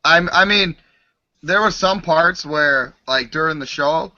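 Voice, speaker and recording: A man's voice: on the high side, unhurried, bright, forceful tone, dry recording, dull audio. A man on a podcast panel telling casual personal anecdotes in a conversational way.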